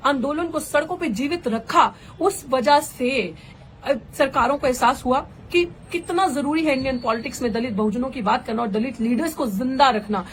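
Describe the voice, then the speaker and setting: A young woman activist speaks in an impassioned, fervent way, driving her points home with rhetorical questions. Her voice sits on the high side. A faint hiss runs under the recording. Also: rough recording. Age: young adult. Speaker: political activist. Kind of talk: impassioned political address.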